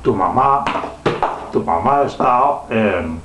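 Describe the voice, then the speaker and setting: A man voicing a boastful, all-knowing talking head in a children's story, explaining things haltingly. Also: medium pitch, lively intonation, background noise. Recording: dull, echoey home room recording.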